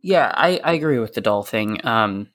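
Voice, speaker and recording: A man's voice: lowish voice, lively intonation, moderate pace, fairly bright tone. A man co-hosting a podcast in casual chat, easygoing and rambling, full of fillers and hedges.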